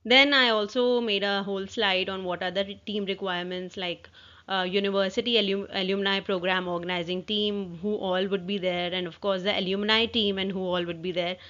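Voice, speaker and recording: A woman informally walking through slides of her own work, speaking haltingly with repeated false starts. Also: medium pitch, steady tone, sharp tone. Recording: dull, lo-fi audio.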